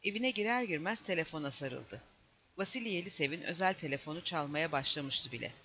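A man reading a novel aloud as an audiobook, in a steady, measured narration that lightly voices the dialogue. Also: fairly high pitch, a little hiss or hum. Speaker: audiobook reader.

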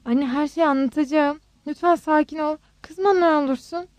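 A woman's voice: sits high, expressive, fairly quick, no echo. A woman doing a guilty, pleading young daughter. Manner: pleading, apologetic.

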